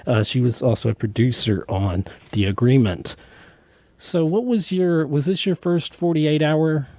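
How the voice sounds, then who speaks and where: A man hosting a radio interview, asking questions in a halting, friendly way with many fillers. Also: a little high, darkish tone, no echo. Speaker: interview host.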